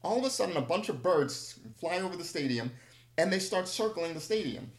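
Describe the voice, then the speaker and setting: A man's voice: sits high, animated, fairly quick. A man casually telling rambling, humorous anecdotes with a self-deprecating touch. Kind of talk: casual chat, storytelling. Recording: echoey room.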